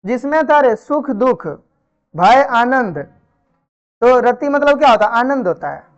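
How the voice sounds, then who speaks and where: A woman teaching Sanskrit grammar in a classroom, firing repeated questions at her pupils and gently scolding them. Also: fairly high pitch, lively intonation, unhurried, lo-fi sound. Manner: drills students with repeated questions and answers; chiding, familiar address to pupils. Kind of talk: live classroom teaching in Hindi. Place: classroom with students.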